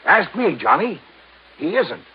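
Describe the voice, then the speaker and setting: Through muffled, dull vintage radio sound comes a very rough, husky voice: a folksy American insurance agent, talkative and familiar, his pitch swinging widely like a 1950s radio drama. He speaks a little slowly in full character voice, earnestly explaining.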